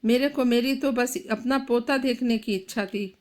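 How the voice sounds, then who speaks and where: A woman's voice: on the high side, steady tone, moderate pace, darkish tone, lightly acted. Woman voicing a pleading old grandmother. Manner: pleading, rustic speech. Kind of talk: storybook character voice.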